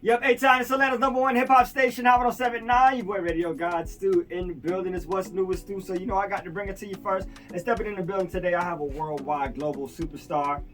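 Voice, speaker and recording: A man hosting a hip-hop radio interview, with a loud, energetic hype delivery when he brings the guest in. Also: high-pitched, fast talker, few pauses, recorded from a distance, soft background music. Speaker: radio host.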